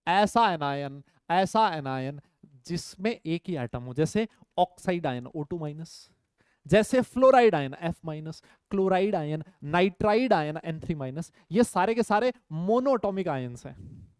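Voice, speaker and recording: A man's voice: high voice, smooth, no echo, clean studio sound. A man teaching a chemistry lecture, emphatic, repeating key points and checking in with his students. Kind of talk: online lecture.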